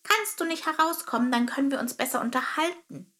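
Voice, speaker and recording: A woman voicing a small, curious male sparrow who talks in a high, eager way in a storybook reading. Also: a little fast, a bit bright.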